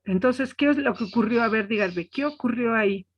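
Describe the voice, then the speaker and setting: A woman teaching an online class into her webcam. Her voice sits a little high as she explains each point step by step, checking in with her students as she goes. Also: fairly quick, slightly rough, muffled recording.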